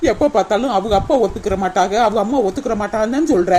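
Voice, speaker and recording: A woman voicing a pleading young village woman, soft and mellow. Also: medium pitch, rapid-fire, slight background noise, lightly acted. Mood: persuading. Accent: southern Tamil Nadu village dialect. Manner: pleading, insistent.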